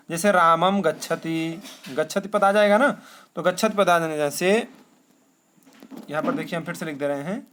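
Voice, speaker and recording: A man. He chants verses slowly and poses questions that he then answers himself. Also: sits high, fairly bright tone. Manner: asks rhetorical questions and answers them himself. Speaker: Sanskrit teacher. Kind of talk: classroom lesson.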